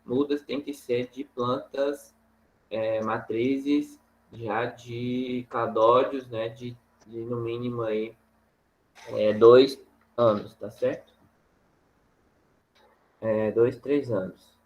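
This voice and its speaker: A man teaching a farming course over slides, talking in a halting way with many fillers and tag questions. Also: medium pitch, fairly even intonation, highs cut off. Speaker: agronomy instructor.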